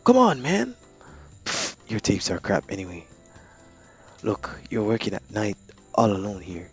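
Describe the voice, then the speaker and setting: A man's voice: fairly low pitch, huge pitch swings, unhurried, breathy edge, faint music behind, full character voice. A man voicing a rude young male customer who pushes for a free tape and turns threatening. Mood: pushy. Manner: pushy, dismissive.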